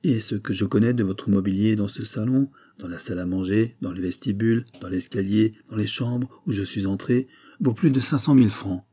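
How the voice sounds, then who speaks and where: A man with a husky voice voicing a calm, gently polite police commissioner in an audiobook. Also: on the low side, normal speed.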